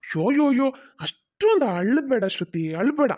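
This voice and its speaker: A woman's voice: high voice, big pitch swings, moderate pace, slightly rough, exaggerated voice. A woman voicing a young husband in a cartoon who teases, then consoles and advises his wife. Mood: consoling. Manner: soothing, gently teasing. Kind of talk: cartoon voice acting.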